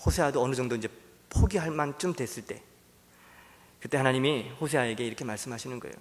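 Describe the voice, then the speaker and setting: Brief: male pastor, midweek sermon, storytelling with rhetorical questions, mid pitch, in a reverberant sanctuary. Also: fast. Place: church sanctuary. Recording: long church-hall reverb.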